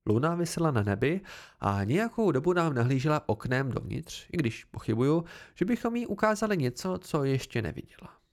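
A man's voice: fairly high pitch, big pitch swings. A man reading a novel aloud as an amateur audiobook, telling it in the first person with expression. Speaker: audiobook reader.

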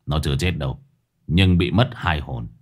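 A man voicing a stern, gruff old male exorcist who speaks low, grave and curt. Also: normal speed.

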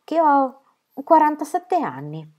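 A woman's voice: sits high, very animated, slow pace, a little mellow, pitched above the performer's own voice, heavily acted. A woman voicing a forty-seven-year-old spinster aunt who talks in a hesitant, pleading way.

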